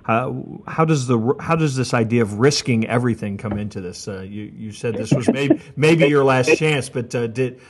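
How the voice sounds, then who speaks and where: A man's voice: medium pitch, normal speed, hardly any pauses. A man hosting a podcast interview, chatting casually, laughing often and stumbling over his words. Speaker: podcast host.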